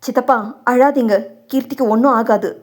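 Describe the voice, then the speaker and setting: A woman voicing a patient young wife who speaks gently but firmly in an audio novel. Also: on the high side, fairly even intonation, brisk, lightly acted. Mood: gentle. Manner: patient, pleading softly.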